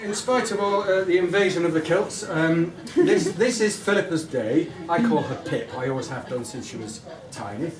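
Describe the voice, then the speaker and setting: This is a middle-aged man's father of the bride speech at a wedding reception: affectionate, informal, hesitant and rambling. His fairly high voice runs at normal speed with hardly any pauses, against crowd noise, and the echoey room and distant mic pick up audience noise plus guests murmuring and laughing.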